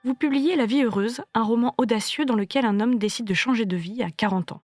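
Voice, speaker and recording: A woman hosting a book podcast, asking her guest measured, polished questions. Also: a little high, no echo, clean studio sound, faint music behind. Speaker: podcast host. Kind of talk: interview questions.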